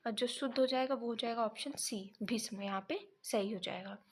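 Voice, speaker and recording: Fairly high-voiced woman teaching exam prep. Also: breathy edge. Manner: reads options then corrects them step by step; pauses to check notes mid-sentence.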